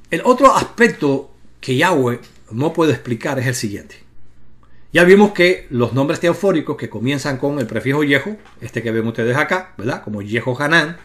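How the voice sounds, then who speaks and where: A man's voice: a little high, a bit bright. A man teaches a Bible lesson. He goes through Hebrew letters and names one at a time, steering his viewers' attention to each one. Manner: explains step by step, points at on-screen letters. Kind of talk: lecture on Hebrew grammar.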